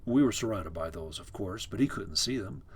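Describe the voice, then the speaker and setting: A middle-aged man reading his own short story aloud in a calm, wry, measured manner. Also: fairly low pitch, slightly rough.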